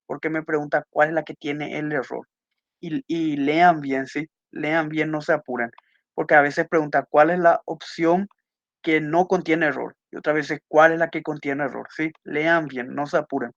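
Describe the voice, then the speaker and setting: A man's voice: on the high side, steady tone, moderate pace, fairly bright tone, no room sound. A man teaching a class, patiently going over test answers and repeating key points with little checking questions. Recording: muffled dry lo-fi audio.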